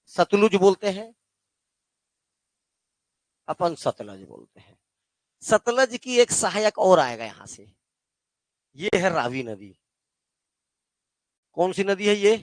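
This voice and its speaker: High-voiced Hindi teacher quizzing his class. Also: no echo. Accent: Chhattisgarh Hindi. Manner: quizzes students with call-and-response questions; addresses students as "beta". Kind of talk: classroom geography lesson.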